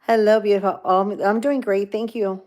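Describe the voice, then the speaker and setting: Speaking at a moderate pace in a mid-range, darkish voice with little pitch movement, this livestream host chats casually with her viewers. She has a Cuban accent, grew up in Florida, and rambles as she reads their comments, addressing them head-on with many fillers.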